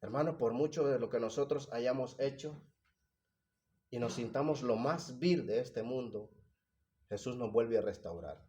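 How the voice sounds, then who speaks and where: A man preaching a sermon, swinging from hushed, emotional passages to loud, rising appeals. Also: medium pitch, measured pace.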